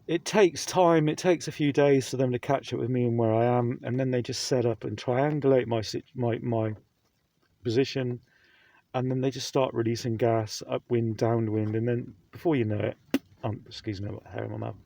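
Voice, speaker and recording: Speaking through a face mask, a man delivers a rambling, casual vlog monologue to camera, full of fillers, restarts and repetition. His mid-range voice is gravelly and dark, steady in tone and moderately paced.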